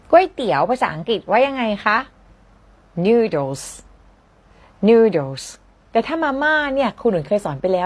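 A woman from southern Thailand giving a casual online English lesson, chatty and playful, repeating each word slowly for students to practice. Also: mid-range voice. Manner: playful, teasing asides. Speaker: English teacher.

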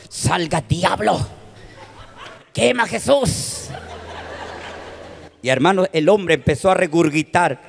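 A Peruvian preacher with a notably high voice for a man tells his testimony with dramatic emotion. He keeps turning to the congregation as he speaks, his voice rising and falling with the story. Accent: Peruvian Spanish. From Peru. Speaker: presbyter preacher. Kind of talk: testimony sermon.

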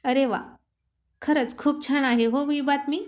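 A woman's voice: high voice, fairly even intonation, a little slow. A woman voicing a stubborn pouting young wife. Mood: pleased.

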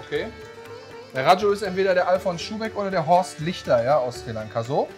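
A man's voice: high voice, lively intonation, a little fast. Chatty man chef asking questions. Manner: chatty, asks many questions, joking. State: sweating from spicy food. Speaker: chef hosting a cooking video. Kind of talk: casual cooking chat. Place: large professional kitchen indoors. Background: background music and sizzling pan.

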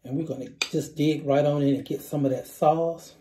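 A man's voice: on the high side, fairly even intonation, normal speed, warm tone, slight background noise. A middle-aged man hosting a cooking demonstration in a home kitchen, explaining each step and repeating the key points. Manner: instructive, repeats key steps, savoring exclamations. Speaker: cooking show host. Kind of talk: recipe demonstration. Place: home kitchen, indoors, small.

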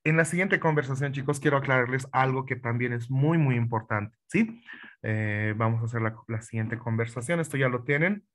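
A man's voice: medium pitch, normal speed, fairly bright tone. A man teaching a beginner English class online, speaking patiently, repeating phrases and checking in with his students. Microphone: video call.

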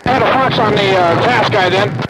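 Man talking fast through oxygen mask radio, very noisy. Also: high-pitched. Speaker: fighter pilot. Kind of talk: terse cockpit radio calls during air combat. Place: inside a jet fighter cockpit. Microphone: oxygen mask microphone. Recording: very noisy archive cockpit radio audio.

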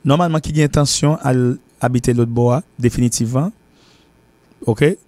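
A man from Haiti with a Haitian accent, hosting and teaching a spoken English lesson. He explains at length, repeats and restarts phrases, and slows down whenever he pronounces an English phrase. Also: mid-range voice, darkish tone, dry recording. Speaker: English teacher and show host.

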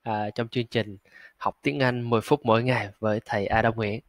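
A man teaching English pronunciation, stretching out model words slowly between frequent fillers. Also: fairly low pitch, fairly even intonation, no echo. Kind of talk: pronunciation lesson.

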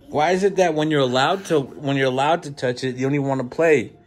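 A man's voice: mid-range voice, normal speed, over music. A man chatting casually in an easygoing, storytelling way for his vlog. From Texas, US. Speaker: barber and vlogger. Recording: loud background noise, traffic.

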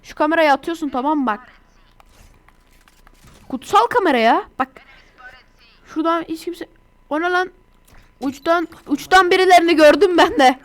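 A woman talks over her gameplay in a high, bright-toned voice. She chats casually and gets excitable, often breaking into exasperated outbursts. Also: normal speed, pauses often. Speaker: gaming YouTuber.

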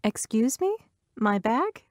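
A woman acting a friendly young woman in a textbook listening dialogue, clearly enunciated. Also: on the high side, sing-song, slow, dry recording, studio quality.

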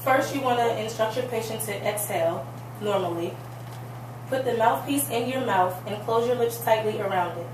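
A woman's voice: a little high, moderate pace. A woman giving a formal, scripted instructional explanation as if reciting it. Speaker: presenter. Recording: distant mic, echoey room, clear noise.

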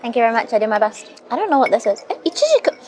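Speaking at a racing pace in a fairly high voice with a darkish tone, a woman in her twenties with a Caribbean-then-England background is interviewed over afternoon tea. The conversation is casual and candid, held indoors in a large hotel lounge restaurant. A small recorder or phone across the table picks her up from close range.

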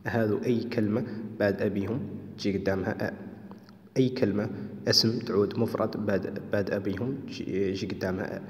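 A man with a Hassaniya Arabic accent gives an online English lesson in a fairly low voice. He explains patiently with many hesitations and reads his English examples out carefully. The sound is roomy, with a long echo trailing behind his words. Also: fairly even intonation. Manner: explains slowly with many fillers, reading English examples deliberately. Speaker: English teacher. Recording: echoey room with long reverb.

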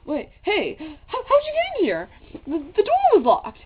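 A woman's voice: very high-pitched, wildly swooping pitch, normal speed, a little hiss or hum, full character voice. A woman playing an over-eager, easily flustered infomercial host in a gushing, stammering hard-sell parody. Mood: indignant. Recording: dull lo-fi home video sound.

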